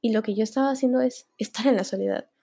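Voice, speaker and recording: Young woman vlogger, husky and mellow, speaking openly and unscripted. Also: on the high side, fast talker. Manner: candid, emotional, near tears at times. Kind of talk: unscripted personal vlog.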